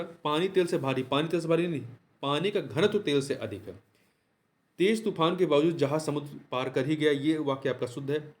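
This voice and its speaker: A man's voice: on the high side, slight background noise. A man teaching an exam prep lesson, going through test questions step by step and repeating answers and rhetorical questions.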